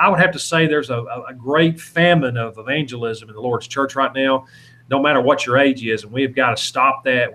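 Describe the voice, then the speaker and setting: A man's voice: mid-range voice, a bit bright. A man, an evangelist talking informally and earnestly in an interview, often exhorting and repeating himself. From Alabama, southern United States. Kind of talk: informal interview talk with preaching.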